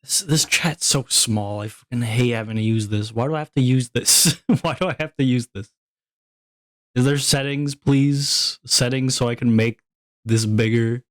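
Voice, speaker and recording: Male streamer, mid-pitched, sarcastic and grumbling, dry close sound. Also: dry recording. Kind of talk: casual livestream chat.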